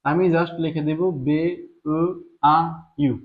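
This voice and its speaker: A man's voice: a little high, level tone, slow, lo-fi sound. A man giving a live online lesson, patiently explaining French words and repeating each one several times. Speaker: French teacher.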